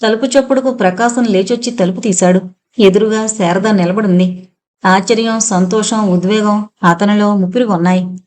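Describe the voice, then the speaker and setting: A woman narrating a full-length novel as an audiobook, with steady storytelling. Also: medium pitch, moderate pace.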